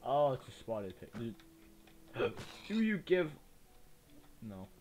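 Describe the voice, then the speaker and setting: Speaking slowly, with a darkish tone and a very animated delivery, this young gaming YouTuber wanders chattily through a let's play, easily sidetracked and speaking with a slight lisp. It's captured on a cheap desktop microphone, so the sound is low quality with a faint hiss.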